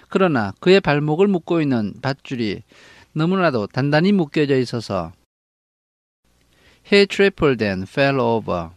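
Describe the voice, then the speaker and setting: A man from Korea teaching an English novel, reading each line slowly and then translating it. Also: mid-range voice, no room sound, studio quality. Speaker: English book lecturer.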